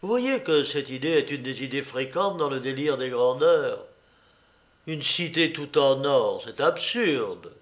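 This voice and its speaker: A man voicing an agitated, obsessed asylum doctor whose voice trembles and who bursts out loudly in storybook narration. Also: medium pitch, lively intonation, a little slow, close to an everyday voice. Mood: dismissive.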